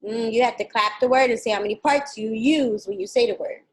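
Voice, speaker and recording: A woman teaching a live online kindergarten lesson, patient and clear, speaking slowly to young children over a video call. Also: fairly high pitch, rough recording.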